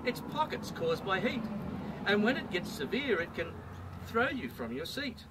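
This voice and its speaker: A man's voice: high voice, big pitch swings, a little slow, noisy background. A man putting on a prim, courteous air hostess. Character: polite female airline hostess.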